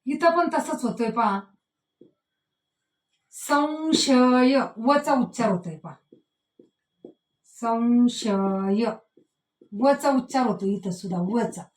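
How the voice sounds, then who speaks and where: A woman teacher giving a grammar lesson, slowing down to stress each example word and tagging her sentences with the same little word. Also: high-pitched, expressive. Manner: repeats a tag word at line ends; slows and stresses words she demonstrates. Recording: echoey room.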